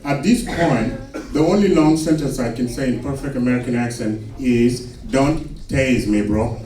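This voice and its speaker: A man from Sudan with a Sudanese accent doing a stand-up comedy set on a club stage, delivering his punchlines slowly and deadpan. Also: mid-range voice, distant mic, very noisy. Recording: echoey club recorded from afar with laughing crowd. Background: audience laughter.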